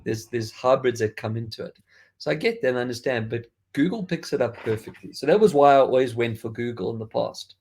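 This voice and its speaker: A man with a faded South African accent hosts a chatty tech podcast, rambling and frequently restarting. His mid-range voice runs a little fast and has vocal fry, a darkish tone, and a breathy edge.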